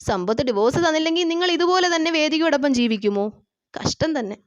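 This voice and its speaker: A defiant wife, read out by a woman who scolds her husband in sharp, cutting questions. The voice sits high, and the recording sounds dull and lo-fi. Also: lively intonation, fast. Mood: reproachful.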